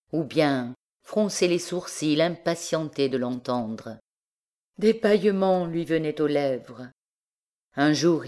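A woman narrating a classic novel as an audiobook, reading in a slow, measured way. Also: sits low, darkish tone. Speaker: audiobook reader.

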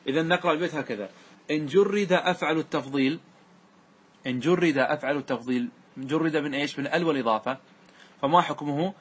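Male grammar teacher, a bit high and husky, classroom question-and-answer style, slow verse recitation. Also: fairly bright tone.

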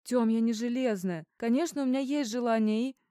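Woman doing a scared young woman, trembling and pleading, higher than the narration, dry close sound. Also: a little fast, mellow, no room sound, lightly acted. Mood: upset.

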